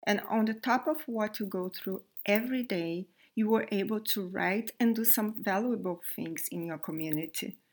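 A woman's voice: mid-range voice, moderate pace, hardly any pauses. A woman hosting a podcast interview, asking friendly, encouraging questions. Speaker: podcast host.

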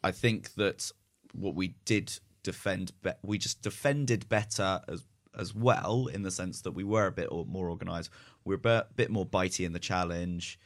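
A man on a football fan podcast giving measured analysis. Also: deep voice. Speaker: podcast panelist. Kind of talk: casual fan podcast chat.

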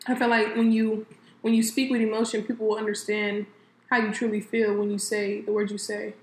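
A woman from California co-hosting a casual chat, chatty and quick to laugh, talking to viewers as y'all. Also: medium pitch, flat delivery, darkish tone. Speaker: co-host. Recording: echoey room with faint ambient noise.

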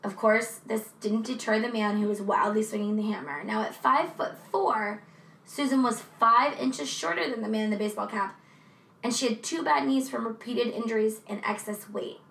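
Casual true crime co-host, woman, gravelly voice pitched a bit high, roomy echo. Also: normal speed, far from the mic. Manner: chatty, profane, animated asides. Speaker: podcast co-host.

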